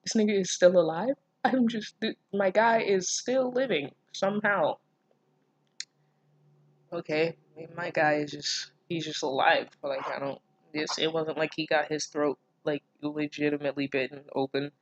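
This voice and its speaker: Someone reads fan fiction aloud in a casual reaction style, stopping to toss in sarcastic, incredulous, sweary mockery. The medium-pitched voice keeps a measured pace, and the sound is lo-fi.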